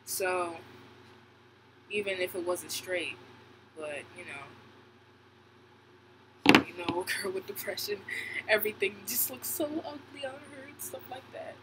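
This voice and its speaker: A man's voice: sits high, measured pace, long pauses. A young adult man with braces on, rambling candidly in a casual vlog update. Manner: rambling, candid, filler-heavy. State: speaking with braces on. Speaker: vlogger. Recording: audible background noise, air conditioning hum.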